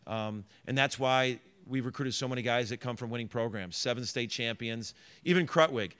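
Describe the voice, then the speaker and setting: A middle-aged man speaks as a basketball head coach at a press conference. He talks earnestly into a table microphone, circling back on his words with fillers and restarts. His voice sits at an ordinary middle pitch. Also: moderate pace, a bit bright, clean tone.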